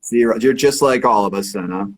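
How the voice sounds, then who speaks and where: A man's voice: fairly low pitch, a little fast, rough recording. A man hosting a casual radio livestream interview, easygoing and full of fillers and agreeing noises. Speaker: radio host.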